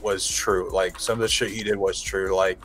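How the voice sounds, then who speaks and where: A man's voice: low voice, flat delivery, moderate pace, fairly bright tone, faint music behind. A young man co-hosting a casual podcast, rambling with many fillers and some swearing. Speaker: podcast co-host.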